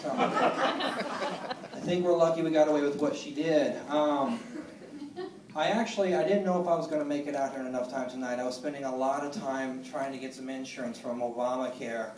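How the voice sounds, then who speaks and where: A man in his thirties doing a stand-up comedy set on a club stage, deadpan and self-deprecating, with lots of ums and restarts. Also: mid-range voice, slight background noise. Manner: deadpan, self-deprecating, halting with many fillers. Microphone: phone recording from the audience. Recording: echoey room, mic far from stage.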